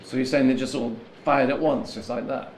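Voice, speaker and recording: An actor playing a police sergeant who runs a formal interview and probes the witness skeptically. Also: male voice, medium pitch, steady tone, brisk, roomy sound, a little hiss or hum, natural voice.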